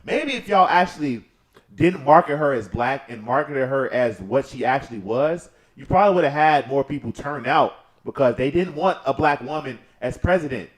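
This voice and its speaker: Male co-host, mid-pitched, blunt and profane, riffs mockingly. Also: animated, moderate pace. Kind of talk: casual reaction commentary.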